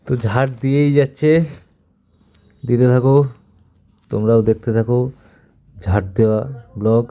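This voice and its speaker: Rambling man with a very dark voice. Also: lowish voice. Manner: rambling, repetitive, self-mocking. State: slight sore throat. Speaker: vlogger narrating his wife's day. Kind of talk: casual voice-over commentary.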